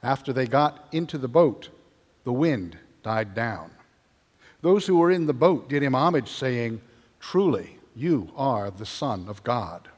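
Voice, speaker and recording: A man serving as priest, reading the gospel and preaching in a measured, earnest way, with his voice ringing in a large church. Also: mid-range voice, big pitch swings. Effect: cathedral echo. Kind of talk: gospel reading and homily at Mass. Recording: long cathedral reverb.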